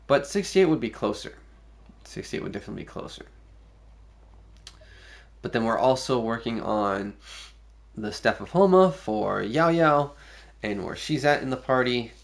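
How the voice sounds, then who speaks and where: A man's voice: mid-range voice, expressive, moderate pace. A man streaming a video game, thinking aloud through his choices in casual commentary.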